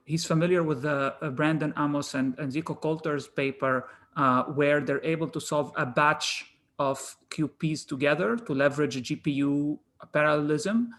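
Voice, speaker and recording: A man's voice: fairly high pitch, moderate pace, a bit bright. Man moderating a video call Q&A. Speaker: session moderator.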